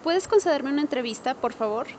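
High-voiced woman interviewer. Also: lively intonation, a little mellow, slight background noise. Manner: polite, deliberate questioning. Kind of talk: interview questions.

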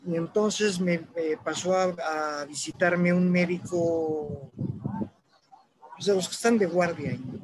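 A man with a Mexican accent speaking in a halting, reflective personal monologue, often ending his points with a questioning tag. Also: sits high, slight background noise, poor audio. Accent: Mexican Spanish.

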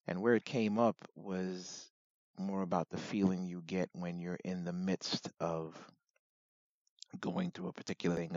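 Deep, gravelly-voiced man, raspy and measured. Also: no room sound, muffled recording. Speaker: host. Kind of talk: informal solo audio commentary on music.

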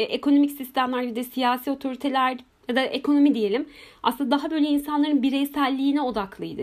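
A woman hosting a casual conversation, musing thoughtfully and asking questions. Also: sits high. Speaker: host.

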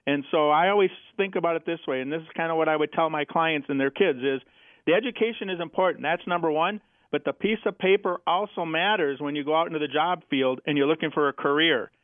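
Over tinny, phone-like radio audio with no echo, an American financial advisor talks quickly in a slightly high voice. He's a guest explaining concepts in plain language, tossing in examples and rhetorical questions.

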